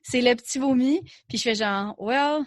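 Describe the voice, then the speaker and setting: A woman's voice: fairly high pitch, moderate pace, dry recording. A young adult woman with a Québécois French accent, a podcast guest talking candidly and chattily, slipping in English words and restarting her sentences. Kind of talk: casual interview chat.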